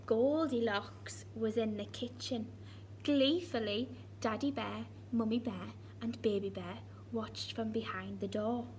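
A woman nursery teacher reading a picture book aloud to young children, expressive and animated. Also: fairly high pitch, a little slow, a little hiss or hum.

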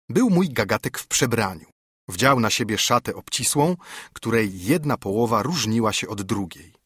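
A man narrating an audiobook in a measured, formal way. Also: on the low side, fairly bright tone, husky, no room sound, clean studio sound.

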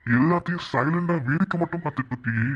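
A man's voice: on the high side, close to an everyday voice. A man playing a sneering, vengeful cartoon villain. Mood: menacing. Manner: slow, sneering, threatening taunts. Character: gloating vengeful male villain taunting a rival. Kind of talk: cartoon voice acting. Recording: dull lo-fi recording.

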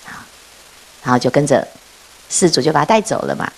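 Lively woman preaching. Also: low-pitched, quick pace, creaky. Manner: lively storytelling, often laughing and asking rhetorical questions. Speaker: Buddhist nun teaching. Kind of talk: dharma talk to a class.

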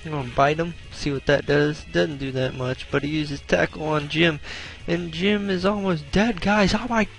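A young man commenting on his own gameplay, excitable and profane, groaning and exclaiming at every setback. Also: a little high, normal speed, creaky, hardly any pauses, soft background music.

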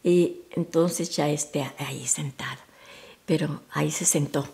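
A woman in her seventies with a Mexican Spanish accent, telling family memories in a rambling, halting way and often dropping to a near whisper. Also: deep voice, fairly even intonation, vocal fry. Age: 70s. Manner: rambling and halting, with frequent restarts and soft, near-whispered asides. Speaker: mother recalling family memories. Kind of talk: informal family storytelling.

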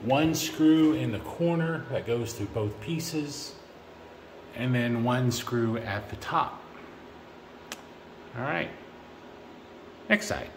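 A man's voice: mid-range voice, takes it slowly, pauses often, reverberant, noisy background. A middle-aged man giving a casual, step-by-step how-to walkthrough in a large garage, with the occasional filler word as he explains. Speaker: DIY home improvement vlogger. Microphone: camera on tripod, across the garage.

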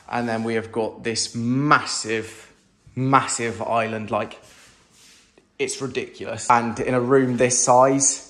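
A young Englishman with a medium-pitched, slightly bright voice gives a chatty, enthusiastic tour of his renovated house, full of casual slang. As a home renovation vlogger, he films first-person on a handheld phone while walking through a large kitchen.

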